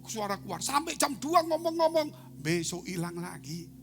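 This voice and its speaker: A male pastor preaching a sermon, telling a personal story, who swings between loud exclamations and soft, hushed asides and keeps addressing his listeners as brothers and sisters. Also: high voice, sing-song, moderate pace, gravelly. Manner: storytelling, addresses congregation as saudara. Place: church service, online broadcast. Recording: music playing behind the voice.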